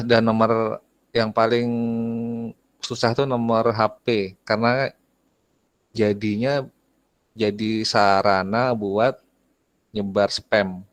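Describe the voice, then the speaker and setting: A man teaching an online class, talking casually, asking his students questions and often clearing his throat. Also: lowish voice, steady tone, slow pace, pauses often, dry recording.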